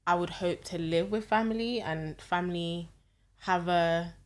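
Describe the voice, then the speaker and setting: A woman, co-hosting a podcast in relaxed, chatty conversation and laughing easily. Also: on the low side, a little slow, a little hiss or hum. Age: 20s. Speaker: podcast co-host. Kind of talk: casual chat.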